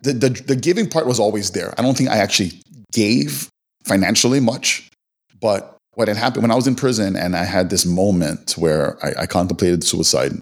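A man's voice: lowish voice, normal speed. A man being interviewed in casual talk, often restarting and repeating words as he goes. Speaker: podcast guest.

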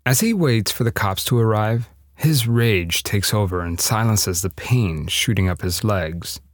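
A man's voice: lowish voice, measured pace, no room sound, clean studio sound. A man narrating a scripted true-story podcast with a dramatic storytelling delivery.

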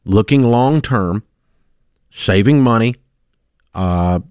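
A man's voice: on the low side, slow pace, darkish tone, clean tone, dry recording, studio quality. A man in his sixties with a Southern US accent, hosting a radio show and telling stories in a folksy way with frequent restarts. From American South. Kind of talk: casual radio talk.

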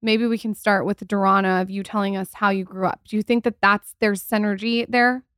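A woman's voice: medium pitch, fairly even intonation, fairly quick, a bit bright, clean tone, no echo, studio quality. A woman podcast host asking curious, probing questions of her guests. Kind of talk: interview conversation.

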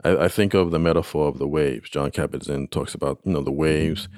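Very deep-voiced man giving encouraging advice. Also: fairly even intonation, darkish tone, dry recording, studio quality. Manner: encouraging, emphatic with repeated phrases and pauses. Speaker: expert guest answering listener questions. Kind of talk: conversational coaching advice.

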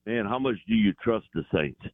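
A man calling in as a football analyst, talking in an animated, rambling way with fillers over a phone line. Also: on the low side, fairly quick, dry recording.

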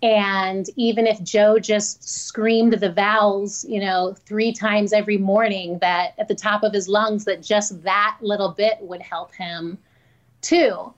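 A woman's voice: medium pitch, fairly even intonation, slow pace, muffled recording. A woman guest telling stories in a frank, chatty way and laughing often. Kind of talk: casual interview storytelling.

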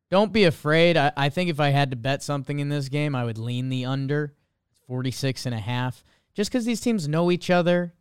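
A man's voice: a little high, smooth, no room sound, studio quality. A man hosting a sports show in a casual, chatty style. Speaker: sports podcast host. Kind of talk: casual sports betting chat.

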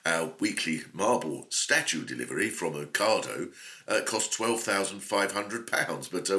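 A man's voice: low-pitched, bright, forceful tone, voice pushed down. A man doing a posh, out-of-touch rich politician. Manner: hesitant, plummy, with "uh" fillers.

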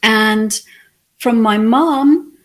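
A woman from England, reflecting on her life as an interview guest in a soft, thoughtful way. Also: on the high side, extremely slow. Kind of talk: conversational interview.

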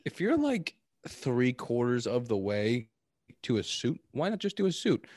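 A man in casual podcast chat who talks haltingly and circles back over his words. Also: mid-range voice, big pitch swings, a little mellow, no echo, studio quality. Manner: halting, repeats himself. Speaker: professional baseball player.

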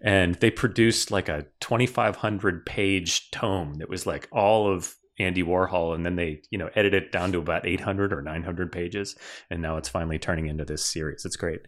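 Man, podcast co-host, very low voice, relaxed enthusiasm. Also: normal speed. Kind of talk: casual news roundup chat.

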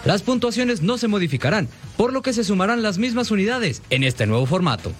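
Male news voice-over, high and lively, scripted sports report over music. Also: fairly quick. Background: background music.

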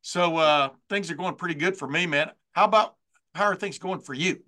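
A man's voice: fairly high pitch, moderate pace, pushed and bright. A man in his sixties hosting a sports talk show, chatting in a rambling way with plenty of fillers and restarts. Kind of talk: casual sports interview.

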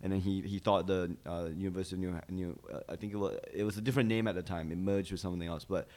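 A man's voice: sits low, steady tone, quick pace, a little mellow. A man in his thirties from Malaysia, a guest comedian telling his life story in a casual podcast interview, rambling with many fillers and restarts.

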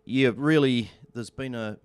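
A New Zealand man speaking as a studio guest in a casual radio interview, with halting, understated, colloquial delivery. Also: mid-range voice, smooth, no echo. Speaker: studio guest, agricultural seed company representative.

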